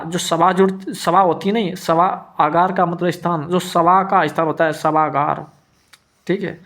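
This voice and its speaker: A man's voice: fairly high pitch, creaky, fairly bright tone. A man teaching a grammar class who repeats each point, asks his students questions and answers them himself, with informal asides. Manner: informal asides, thinks aloud.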